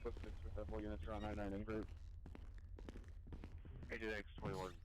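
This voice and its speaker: A man's voice: fairly low pitch, level tone, a little fast, noisy background. A man reading out calls, codes and call signs in clipped police radio talk during a roleplay patrol.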